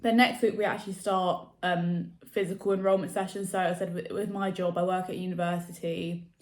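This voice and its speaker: A woman's voice: fairly low pitch, flat delivery, a little fast. Chatty young woman in an echoey room. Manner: chatty, rambling, many fillers. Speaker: vlogger. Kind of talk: casual chat to camera.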